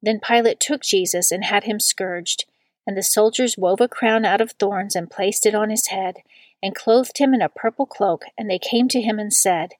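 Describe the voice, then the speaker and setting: A woman reading a long scripture passage aloud in a measured liturgical style, slowing down on the quoted words. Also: mid-range voice, no echo. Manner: slow and deliberate on quoted words. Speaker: scripture reader.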